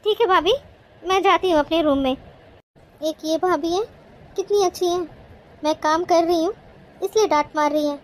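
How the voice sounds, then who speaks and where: A woman's voice: very high voice, normal speed, long pauses. A woman voicing a timid, obliging young female student in a cartoon, pleading and grumbling to herself. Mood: musing.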